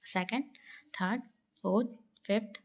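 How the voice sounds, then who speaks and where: A woman gives an English phonics lesson at a middle pitch. She explains each rule and then reads out lists of example words slowly, one at a time. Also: steady tone. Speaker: English teacher.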